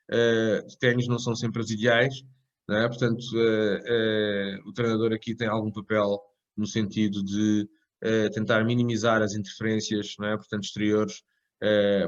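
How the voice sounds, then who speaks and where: Fast-talking lecturing man, low voice. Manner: rambling, frequent tag questions and restarts. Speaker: tennis coach educator. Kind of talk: training course lecture. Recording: dull lo-fi recording.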